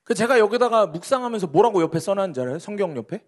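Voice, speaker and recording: A man's voice: high voice, animated, racing, a little mellow. A male pastor preaching a sermon, emphatic and full of rhetorical questions, reading scripture dramatically in a church. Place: church sanctuary.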